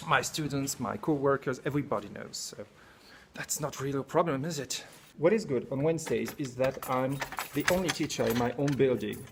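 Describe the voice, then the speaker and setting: In a mid-range voice, with slight background noise, a man from France who teaches science talks casually to the camera from his school lab. He frequently searches for the right English word and corrects himself.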